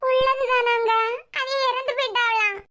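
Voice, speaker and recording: A woman's voice: very high-pitched, fairly even intonation, normal speed. A woman voicing a gossipy, fussing middle-aged village woman in a cartoon, with a Kanyakumari Tamil accent and a dramatic, scolding manner. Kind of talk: cartoon web series voice acting. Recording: loud background noise.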